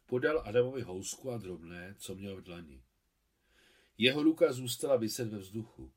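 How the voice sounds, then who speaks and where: A man calmly reading his own translation of a novel aloud as an audiobook. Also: mid-range voice, slightly rough.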